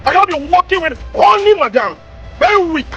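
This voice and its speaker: Hot-tempered Nigerian employee, high shouting voice that swings wildly, scolding and insulting in pidgin, faint film music. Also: male voice, very animated, brisk, highs cut off, full character voice. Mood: furious scolding. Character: hot-tempered outspoken male employee, middle-aged. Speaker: employee scolding his boss.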